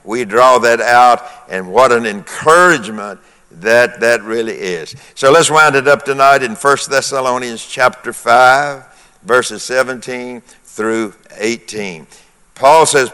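A man preaching a sermon in an emphatic, call-and-response style, his voice smooth and resonant. The long tail of a church hall's reverb trails after his words. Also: medium pitch, bright, forceful tone. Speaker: pastor. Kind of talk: sermon to a congregation.

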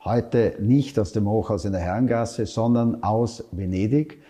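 Male interview host, hesitant with fillers, very dark husky voice. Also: fairly low pitch, a little slow. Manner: hesitant, many filler sounds. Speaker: talk show host.

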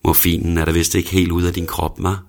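A man reading the lines of a friendly woman nurse in his own deep voice, soft and reassuring. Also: completely flat delivery. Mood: teasing.

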